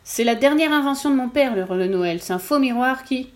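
A woman's voice: high-pitched, expressive, fairly quick, pitched above the performer's own voice. Smug sneering mirror double in a storybook, boy-like, raised voice, as a woman puts him on. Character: boastful evil mirror double, boy-like djinn.

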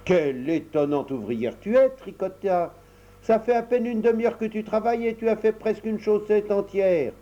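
A man's voice: high voice, moderate pace, mellow, voice pushed up, lightly acted. A man voicing a fretful old mother of twelve boys, in a storybook reading. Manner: exasperated, lamenting. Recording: dull lo-fi recording.

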